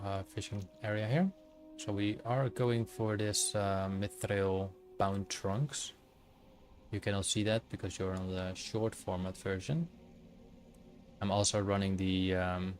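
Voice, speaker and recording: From the Netherlands, this streamer has a slightly mellow voice on the low side. While gaming, he gives casual commentary to his viewers, thinking aloud and filling his speech with fillers and restarts.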